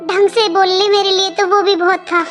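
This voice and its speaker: A woman's voice: very high-pitched, little pitch movement, normal speed, loud music behind the voice. A woman voicing a mother in a cartoon who defends her daughter, with a wounded, defensive manner. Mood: hurt. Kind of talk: cartoon voice acting.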